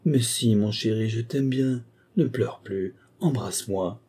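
A male reader doing a young woman from a storybook, quick-tempered yet coaxing, her voice lifted higher and louder than the narration. The tone stays dark and husky underneath. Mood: tender.

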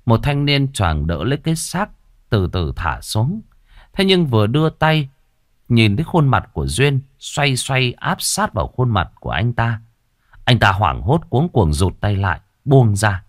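A man's voice: medium pitch, very animated, measured pace, no echo, studio quality. A man narrating a horror story in a dramatic, vivid manner, lingering on grim details.

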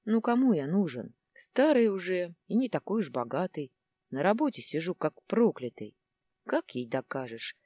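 A woman's voice: lowish voice, very animated, normal speed, mellow, no room sound. A woman reading the part of a worried, complaining middle-aged husband in a storybook.

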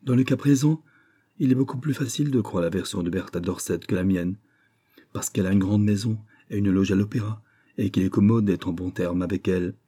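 A man's voice: on the low side, fairly quick, warm tone, breathy edge. A male reader voicing Lily Bart, a proud young society woman who speaks with mocking defiance.

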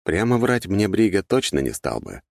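A man narrating a fantasy audiobook in the first person, steady and measured. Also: low-pitched, gravelly, no echo, studio quality.

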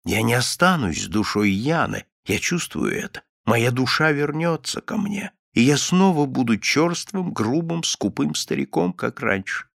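A grasping old miser with a croaking, gravelly voice, as a male reader puts him on. He swings between sulking lows and sharp, raised outbursts, full of bitterness and spite. Heard dry and close, like a storybook recording. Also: sing-song, measured pace, few pauses, no room sound, full character voice. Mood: self-pitying.

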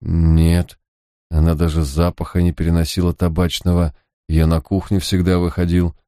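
A man's voice: sits low, little pitch movement, moderate pace, dark tone, no echo, clean studio sound. A man doing a peevish, resentful suspect. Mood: glum, guarded. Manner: peevish, resentful, thin-voiced complaining. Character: irritable indignant suspect, bitter middle-aged man. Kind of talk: audiobook character reading.

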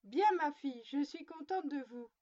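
A woman's voice: high voice, animated, moderate pace, mellow, dull audio. A woman doing a stern little girl playing mother. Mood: scolding. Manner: stern, scolding. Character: strict little girl scolding her doll like a mother.

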